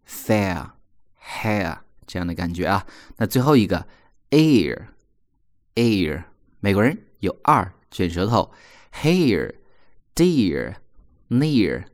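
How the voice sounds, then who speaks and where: A man teaching English pronunciation in a recorded lesson, explaining patiently and repeating example words slowly. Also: fairly low pitch.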